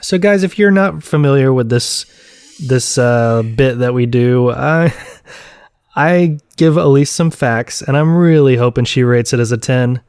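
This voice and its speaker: Playful podcast co-host, dry close sound. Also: male voice, mid-range voice, darkish tone, smooth, no echo. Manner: playful, quick to laugh. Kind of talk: casual chat.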